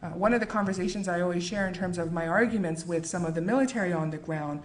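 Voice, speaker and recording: Earnest woman giving a book talk. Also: on the low side. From United States. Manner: measured, earnest, with frequent fillers. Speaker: author. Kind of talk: book talk and reading aloud.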